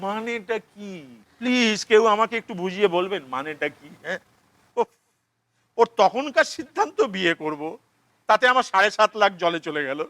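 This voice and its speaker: Ranting Kolkata dad played by a man: high, bright, sarcastic, keeps shouting the same lines. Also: animated, moderate pace, no echo, heavily acted. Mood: frantic indignant. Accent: Kolkata Bengali. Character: frantic middle-aged father of the bride, money-obsessed. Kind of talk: theatre play reading.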